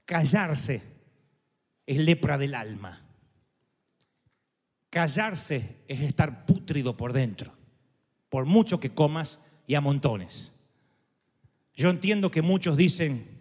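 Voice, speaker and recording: A man's voice: on the high side, animated, a little slow, pauses often. A man preaching a sermon as pastor, dramatic and full of rhetorical questions. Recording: echoey hall.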